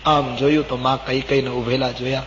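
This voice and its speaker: A man's voice: mid-range voice, little pitch movement, normal speed, fairly bright tone, slight background noise. A man preaching a devotional story in a large hall, dramatically acting out each character's lines. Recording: dull old recording in a reverberant hall.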